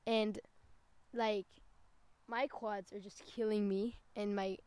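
A woman's voice: mid-range voice, level tone, takes it slowly, a little mellow, clear, resonant tone, no room sound. A young woman co-hosting a casual podcast, rambling with lots of "like" and stopping to correct herself. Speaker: podcast co-host. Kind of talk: casual chat.

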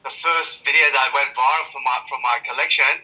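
A man chatting as an interview guest, loose and rambling, full of fillers and restarts. His voice is very bright and a little sharp. He sits back from the mic, so he sounds thin and far off. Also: medium pitch, fairly even intonation, fairly quick. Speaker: interview guest, social media creator. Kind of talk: casual interview chat.

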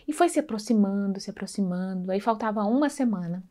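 A woman's voice: medium pitch, lively intonation, quick pace, warm tone. Earnest woman telling a faith testimony. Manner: earnest, conversational, acts out dialogue, frequent tag questions. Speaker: speaker sharing a faith testimony. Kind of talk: personal testimony storytelling.

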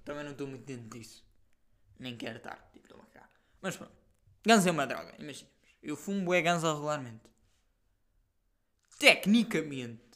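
This young podcast host, European Portuguese by accent, runs a relaxed one-man show where he tells stories energetically, using slang, lots of fillers, and the odd profanity. His pitch is medium.

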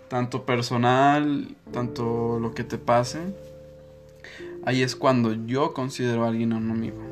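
Slow, rambling young Mexican man. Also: medium pitch. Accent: Mexican Spanish. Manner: rambling, self-correcting, laughs often. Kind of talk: casual personal storytelling. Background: guitar music.

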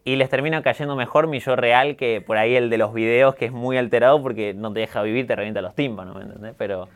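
Young Argentine male guest, neutral Argentine accent, clean smooth timbre, calm and candid. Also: medium pitch, fast talker. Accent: neutralized Argentine Spanish. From Córdoba, Argentina. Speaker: guest, YouTuber. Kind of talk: casual interview talk.

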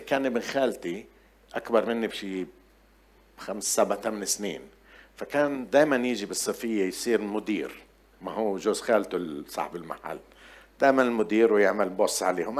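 A man preaches a sermon in a low voice. He talks in a loose, conversational way, breaking off and restarting as he tells stories to his congregation. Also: husky. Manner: storytelling, conversational with many restarts. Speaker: pastor.

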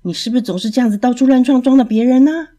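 A woman's voice: a little high, moderate pace, pitched above the performer's own voice. A woman voicing a hasty, boastful young male rabbit in a storybook reading. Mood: excited. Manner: excitable, brash.

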